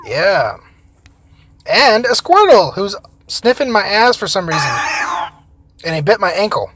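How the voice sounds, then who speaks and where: A man recording a mobile-game vlog from his car, yelling with excitement one moment and muttering the next, swearing freely. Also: high-pitched, measured pace, background noise. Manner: swings from shouting and squealing to muttering, swears a lot. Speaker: gaming vlogger. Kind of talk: excitable live gameplay commentary. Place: in a parked car.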